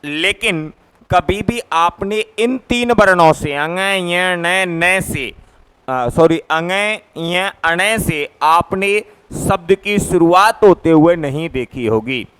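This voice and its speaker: Slow, clear-voiced male teacher. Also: sits high, lively intonation, a bit bright. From Rajasthan, India. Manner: patient, drills letter sounds one by one, repeats points. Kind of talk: classroom grammar lecture. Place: classroom, writing on a board.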